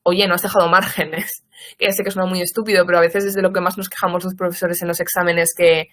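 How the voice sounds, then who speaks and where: Woman teaching online over a computer mic, slightly low voice, calm explaining, corrects herself now and then. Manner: measured, explanatory, with occasional self-corrections. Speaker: teacher giving a training talk. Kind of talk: online lecture answering chat questions.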